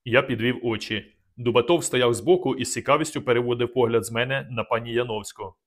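A man calmly narrating a novel in the first person, as an audiobook. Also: mid-range voice, fast.

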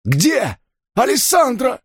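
A hoarse, shrill, screaming thug of middle years, frantic with rage and fear. The voice sits far above a normal man's speaking pitch and lurches wildly up and down. It is dry and close, with no room sound. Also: huge pitch swings, slow, no echo, exaggerated voice. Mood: furious. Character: furious panicking middle-aged father, violent thug.

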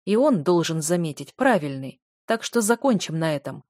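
A woman voices a calm, stern noble father who settles matters in a few firm, measured words. The storybook reading is close and dry, with no room sound. His tone allows no argument. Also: lowish voice, no echo.

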